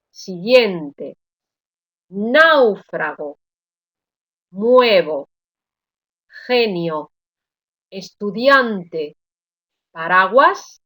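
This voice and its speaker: A woman giving an online grammar lesson, sounding out words slowly and explaining with frequent checks like "¿eh?". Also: medium pitch, a bit bright, dry recording. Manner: slow, careful word-by-word pronunciation drills; explanatory, addresses students with frequent "¿eh?". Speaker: Spanish teacher.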